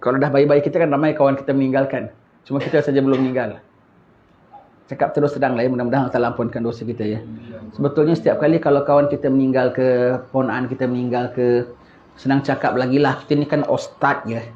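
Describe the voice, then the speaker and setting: A man from Singapore, a religious teacher giving an earnest, expressive lecture. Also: mid-range voice, fast talker, a little hiss or hum. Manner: earnest, expressive preaching with acted-out asides. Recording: dull lo-fi recording.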